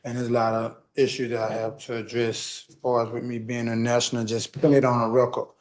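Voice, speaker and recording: A man's voice: mid-range voice, completely flat delivery, fast, a little hiss or hum. A man speaking as a self-represented defendant, in an insistent, formulaic way with non-standard grammar. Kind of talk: recited legal statement and courtroom replies. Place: courtroom.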